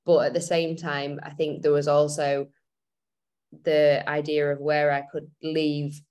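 Low-pitched woman cohost, rambly casual podcast chat, lots of ums. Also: level tone, unhurried, darkish tone. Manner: rambling, many fillers and restarts. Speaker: podcast co-host.

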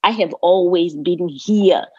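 A landscape designer with a Kenyan accent, raised in Nairobi, reflects slowly in a fairly low, dark, slightly rough voice as an interview guest. Thoughtful, she tends toward emphatic repetition. The sound is lo-fi, roomy, and a little dull.

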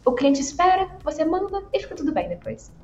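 Animated woman telling stories, roomy. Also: very high-pitched, a little fast. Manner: animated storyteller, laughs often. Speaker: podcast co-host. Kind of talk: casual chat. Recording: roomy, dull sound with faint music.

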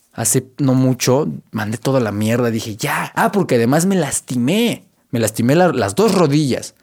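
Male podcast host, slightly high voice, earnest self-help monologue with emphatic stresses. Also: darkish tone. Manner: earnest, emphatic, drawn-out pauses on key words.

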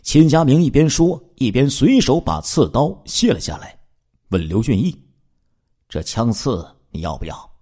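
Husky, animated male crime storyteller. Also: medium pitch. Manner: dramatic storyteller with asides to listeners. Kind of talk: spoken true-crime narration.

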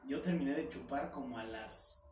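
A man's voice: mid-range voice, moderate pace, a little mellow, echoey room, recorded from a distance, a little hiss or hum. A young Mexican man chatting casually with a friend, telling a story in a slangy, laid-back way. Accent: Mexican Spanish. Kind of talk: casual chat between friends.

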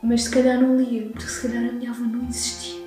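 A young woman with a European Portuguese accent, co-hosting a casual chat, reacting loudly and expressively and joking along. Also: on the high side, completely flat delivery, rapid-fire, over music. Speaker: podcast co-host. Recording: very echoey room.

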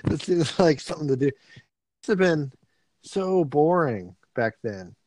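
A man's voice: fairly high pitch, big pitch swings, normal speed, darkish tone, dry recording. A man co-hosting a casual comedy podcast, rambling and laughing often as he talks. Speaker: podcast co-host.

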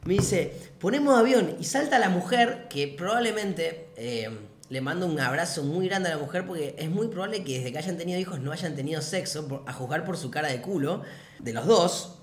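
A man's voice: on the high side, animated, normal speed, slight background noise. Slangy Rioplatense young man, echoey room. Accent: Rioplatense Spanish. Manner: slangy, profane, laid-back. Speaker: vlogger. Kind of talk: casual anecdote storytelling.

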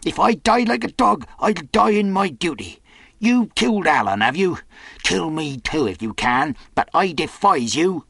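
A brave honest sailor, as a male narrator puts him on, his voice hoarse and shaking and pitched well above the reader's own. He speaks earnestly in plain seaman's grammar. The sound is dry and close. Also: animated, a little slow, dry recording, full character voice. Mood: defiant. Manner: earnest, pleading then defiant.

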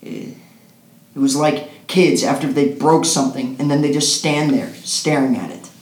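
A man voices a jittery young man, hushed and evasive, tossing out short denials. His voice sits fairly high, with a roomy echo around it. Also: fairly even intonation, natural voice. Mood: rueful. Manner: hushed, fidgety, quick short replies. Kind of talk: audio drama acting.

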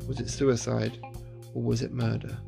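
A man's voice: medium pitch, flat delivery, normal speed, gravelly, music in the background. A man hosting a casual solo podcast in a groggy morning voice, chatty and self-deprecating, laughing at himself. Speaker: podcast host.

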